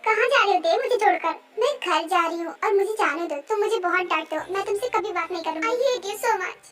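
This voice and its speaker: A woman's voice: very high voice, fast talker, music in the background. A woman voicing a sweet but touchy young college girl in an amateur fan dub, affectionate and sulky by turns.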